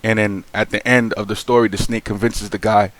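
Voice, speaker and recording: A young man with a somewhat low voice speaks straight to his viewers in an unscripted vlog. His talk is loose and slangy, full of fillers and restarts. He sounds frank and aggrieved as he airs his complaint. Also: little pitch movement, fairly quick, a bit bright. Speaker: vlogger. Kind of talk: casual vlog monologue.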